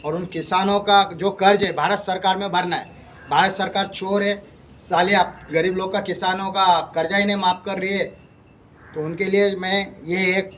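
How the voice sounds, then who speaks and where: A man delivers an emphatic, repetitive political monologue to camera as a vlogger. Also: sits high. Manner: emphatic, ranting, repeats himself. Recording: distant mic, faint background noise.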